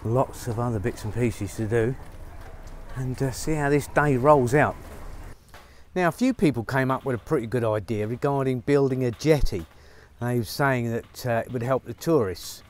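Speaking at normal speed in a mid-range, slightly mellow voice, a middle-aged man narrates a casual vlog to camera. He's working outdoors on a rainy rural farm, chatty and upbeat with lots of fillers, and wears a lapel mic.

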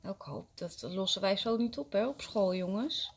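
Expressive woman reading to kindergarteners. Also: medium pitch, moderate pace, breathy edge. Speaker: kindergarten teacher. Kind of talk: reading a story aloud to young children.

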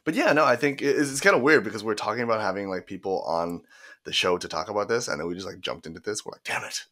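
A man co-hosting a podcast in casual chat, animated and laughing often. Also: on the low side, fast. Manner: animated, laughs often, mimics parents in put-on voices. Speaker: podcast co-host.

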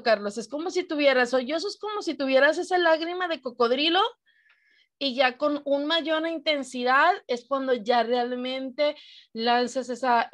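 A woman teacher with a Mexican accent giving an online class over a video call, explaining patiently and often asking her students questions. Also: a little high.

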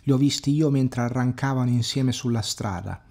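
A husky-voiced man voicing a haughty goatherd who croaks slowly. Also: mid-range voice, darkish tone, voice pushed up. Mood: smug. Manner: slow, croaking.

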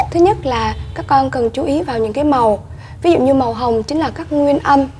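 A woman teacher with a Vietnamese accent leading a children's pronunciation lesson, modelling each sound slowly and clearly for repetition. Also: high-pitched, noisy background.

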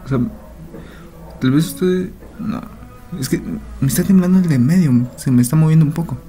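A man's voice: fairly high pitch, normal speed, dark tone, faint music behind. A man reads a horror story aloud, reacting with nervous jokes and often dropping to a whisper. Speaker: channel host.

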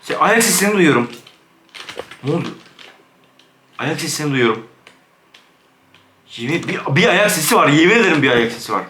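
A man commentating a Minecraft let's play, jumpy and excitable, dropping to hushed, scared whispers. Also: fairly high pitch, fairly quick, pauses often, echoey room, slight background noise. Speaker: gaming YouTuber.

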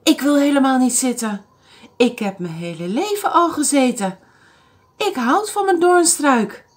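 A woman voicing an emotional old lady who loves her thornbush, speaking in a high, exclaiming voice in a storybook reading. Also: animated, measured pace, breathy edge, heavily acted. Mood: pleading.

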